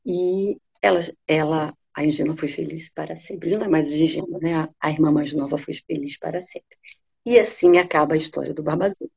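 A woman retelling a fairy tale and then discussing it, animated and engaged throughout. Her voice has a husky, slightly breathy grain at a middle pitch. The recording is dull and lo-fi. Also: a little fast. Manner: animated, lively storytelling. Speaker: storyteller and co-host.

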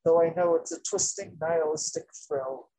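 A man's voice: on the high side, lively intonation, a little slow, dark tone, breathy edge. A man whose voice is muffled by a face mask, performing rhyming spoken-word poetry at an open mic from inside a train. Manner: rhythmic, rhyming recitation.

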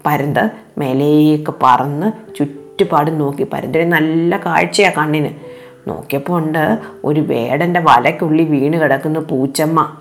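A woman narrating a children's animal fable in a gentle, unhurried storytelling manner. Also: low-pitched, faint music behind.

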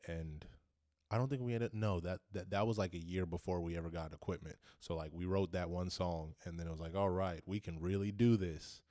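A young man, a rapper and producer, answering interview questions in a relaxed, rambling way with restarts. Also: sits low, a little fast, no room sound, studio quality.

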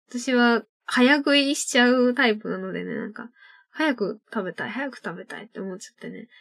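A young woman hosting her own internet radio show, chatting casually and laughing at her own tongue-twister slips. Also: medium pitch. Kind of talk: casual solo radio talk.

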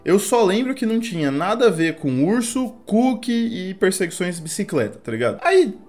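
A man's voice: high-pitched, sing-song, normal speed, darkish tone, soft background music. A young man telling a funny story from his school days in a slangy, profane, rambling way. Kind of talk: casual comedic story-time.

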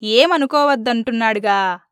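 Woman narrator doing a scheming storybook minister, lowish voice, coaxing, dismissive, dry close sound. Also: normal speed, a bit bright, clean tone, no room sound, lightly acted. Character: scheming male royal minister protecting his kin.

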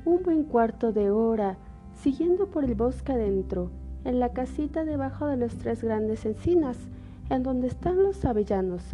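A woman's voice: fairly high pitch, animated, warm tone, soft background music, pitched above the performer's own voice, rough recording. A woman voicing a sweet, trusting little storybook girl in an innocent, childlike manner. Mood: eager. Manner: innocent, childlike, drawn-out questions. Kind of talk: storybook character acting.

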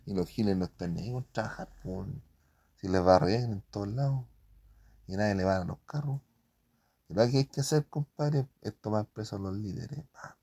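A man's voice: lowish voice, moderate pace, vocal fry, mellow, breathy edge. A man with a Chilean accent rambling casually about print shop work, full of slang and spoken sound effects.

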